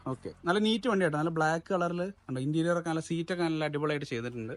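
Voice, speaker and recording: A man's voice: fairly high pitch, rapid-fire. A man with a Kerala accent hosting a casual used-car video, mixing English words into Malayalam and repeating answers back as questions. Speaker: car showroom video host. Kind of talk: casual vlog interview about used cars.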